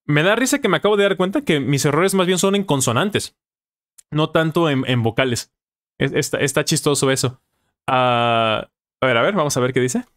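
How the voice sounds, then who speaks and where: A man's voice: on the high side, expressive, normal speed, a bit bright. A young Mexican man with a Mexican Spanish accent, a YouTuber and English teacher reflecting casually on his own video, with frequent self-corrections and tag questions.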